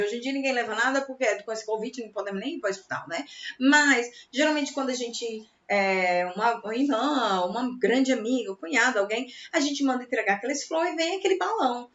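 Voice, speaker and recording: A woman's voice: sits high, fairly bright tone. Chatty woman teaching English grammar. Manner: chatty, switches between Portuguese and English, laughs at herself. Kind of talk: bilingual grammar lesson. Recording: roomy, dull lo-fi sound.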